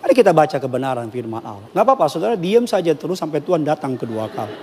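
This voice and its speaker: A man with a Batak accent preaches to a congregation, his voice sitting high and ringing. He swings between forceful exhortation and quiet, hushed asides, teasing the listeners now and then. The sound carries a long reverb from a large church hall. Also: sing-song, very fast, slight background noise. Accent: Batak Indonesian. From North Sumatra (Batak). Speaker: pastor. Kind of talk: sermon.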